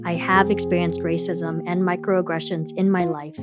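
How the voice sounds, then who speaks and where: A woman's voice: fairly low pitch, level tone, moderate pace, music in the background. A woman hosting a podcast, telling a personal story in candid, scripted narration. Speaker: podcast host.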